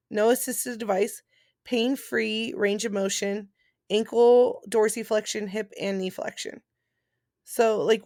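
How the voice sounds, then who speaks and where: A woman's voice: mid-range voice, vocal fry, dry recording, studio quality. A woman chatting casually and informally as she explains things step by step. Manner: informal, explanatory, reading out points then paraphrasing. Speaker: vlogger and post-surgery patient. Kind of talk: casual chat about recovery.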